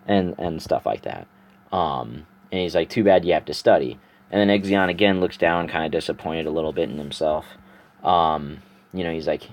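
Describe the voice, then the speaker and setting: A man's voice: low voice, a little mellow. A man casually retelling a fantasy story while he sketches the scenes, rambling and thinking aloud with many fillers. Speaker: storyteller and artist.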